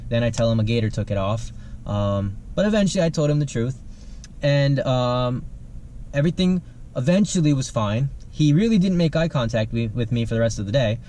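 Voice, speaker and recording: A young man vlogging, telling a comic story to camera in an animated, self-amused way, laughing as he goes. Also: medium pitch, fairly quick, a little hiss or hum.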